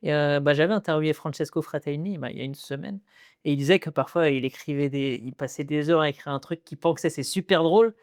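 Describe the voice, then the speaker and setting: A man hosts a podcast, asking questions in a relaxed, slangy way and nudging his guest along. His voice sits a little high for a man, and the recording sounds dry and close. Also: quick pace, no room sound. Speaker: podcast host, interviewer. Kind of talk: casual interview chat.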